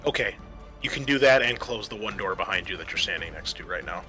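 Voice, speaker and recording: A man with a low, expressive, bright, forceful voice talks fast as a game master, narrating a tabletop game with casual banter. Music plays behind him.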